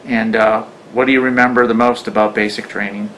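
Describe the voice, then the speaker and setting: A man asking measured questions as an oral-history interviewer. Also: lowish voice, flat delivery, fairly bright tone, slight background noise, low-quality recording.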